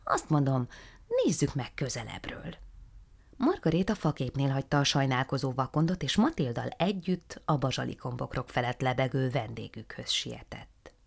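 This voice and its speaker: A woman reading a children's storybook aloud in a soft, hushed, half-whispered manner. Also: a bass voice, creaky. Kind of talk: storybook narration.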